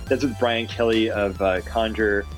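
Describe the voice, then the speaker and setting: Low-voiced Boston-accented podcast host. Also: male voice, fairly even intonation, a little slow, faint music behind. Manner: rambling, with frequent "uh" fillers and restarts. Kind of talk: casual tech podcast chat.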